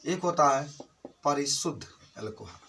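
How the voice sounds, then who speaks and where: A man's voice: a little high, animated, a little slow, vocal fry, pushed and bright, slight background noise. A man teaching a chemistry class, repeating key terms and firing questions at his students. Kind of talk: classroom lecture.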